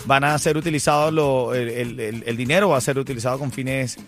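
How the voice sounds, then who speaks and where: A man's voice: medium pitch, fairly even intonation, a little fast, a bit bright. A man hosting a morning radio show, joking and hyping the station with lots of energy. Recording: radio studio with music bed.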